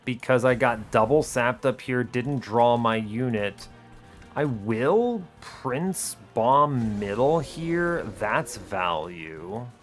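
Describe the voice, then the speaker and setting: In a gaming video with music behind him, a male host comments casually on the action in brief, dry, understated lines. His mid-range voice is animated but slow.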